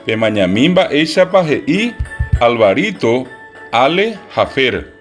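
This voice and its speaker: A man teaching children a language lesson, repeating each word slowly and clearly. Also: medium pitch, very animated, faint music behind. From Paraguay.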